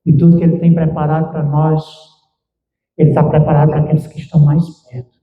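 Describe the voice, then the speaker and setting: Brief: high-pitched male pastor, preaching with emphatic swings, recorded from afar in an echoey, muffled church. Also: little pitch movement, fast, distant mic. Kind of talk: sermon. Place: church sanctuary.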